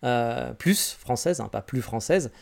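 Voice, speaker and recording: In his forties and from France, this man hosts a casual solo podcast where he answers listener questions. His mid-range voice is expressive and creaky, moving at a measured pace, and his advice is candid and rambling, with sentences often restarted.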